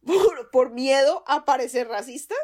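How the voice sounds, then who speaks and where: A Colombian woman with a Colombian accent co-hosts a podcast, chatting casually, laughing often and restarting her sentences. Her voice sits high with a darkish tone, and she speaks at a measured pace.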